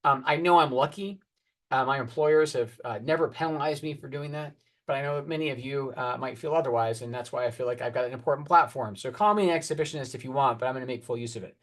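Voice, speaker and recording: A man's voice: medium pitch, quick pace, a bit bright. A man, an oncologist giving a candid, earnest conference presentation and calling for his next slides.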